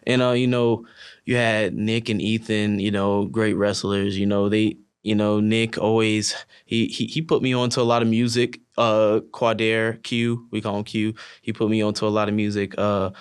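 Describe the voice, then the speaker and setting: A young man, a college wrestler and team captain, chatting casually in an interview with many "you know" fillers and lively storytelling. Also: fairly low pitch, normal speed, clean tone. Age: young adult. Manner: relaxed, many fillers like "you know", animated when telling stories.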